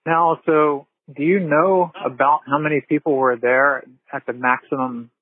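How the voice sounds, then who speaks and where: A man's voice: a little high, fairly even intonation, a little slow, slightly rough, no room sound. Male interviewer on a bad phone line. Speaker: interviewer, podcast host. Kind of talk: conversational interview questions.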